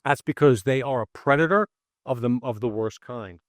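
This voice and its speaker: Male host, former investigator, measured and authoritative with a wry edge, average pitch. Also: no echo, studio quality. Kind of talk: live podcast chat. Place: pizzeria before live audience.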